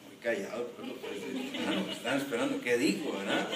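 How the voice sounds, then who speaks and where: A man, a pastor, preaching a sermon in an animated way and joking with the congregation. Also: medium pitch, a little fast, a loud crowd. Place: church. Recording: echoey church hall from a distance.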